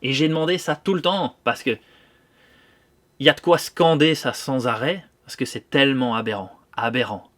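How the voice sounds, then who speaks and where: A man's voice: medium pitch, normal speed, a bit bright. Belgian French man, actor type, heated testimony, repeats himself, rhetorical questions. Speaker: actor and singer telling of an arrest. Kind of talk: indignant first-person testimony.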